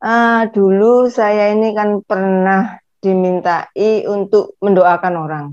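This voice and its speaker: A woman's voice: medium pitch, fairly even intonation, slow pace, a little mellow, muffled recording. A woman, telling a long story to ask a question in an online church Q&A, often repeating her phrases. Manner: repeats phrases, speaks earnestly. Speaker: congregant asking a question.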